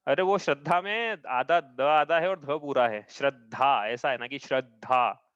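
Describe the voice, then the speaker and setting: A man's voice: on the high side, a bit bright, clear, resonant tone, no room sound, highs cut off. A man teaching a live class, patiently explaining each step and often checking that his students follow. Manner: chants verses slowly. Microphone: own mic, audio only.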